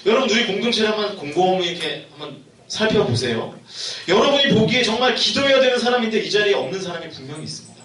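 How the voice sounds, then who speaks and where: A man's voice: high voice, expressive, fast, hardly any pauses, a bit bright. A young man preaching a sermon as a youth pastor, putting questions to the congregation. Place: church sanctuary. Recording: echoey hall, mic heard from a distance.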